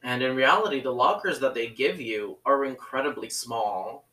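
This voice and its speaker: A young man co-hosting a podcast in casual chat, teasing dryly and talking haltingly with many fillers. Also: mid-range voice, sharp tone. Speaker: podcast co-host. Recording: roomy, mic at a distance.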